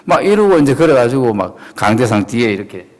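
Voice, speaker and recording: A middle-aged male pastor delivers a sermon in a mid-pitched voice that leaps up and drops low. He preaches emphatically, throwing questions at the congregation and laughing between points. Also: very animated, fairly quick, a little mellow.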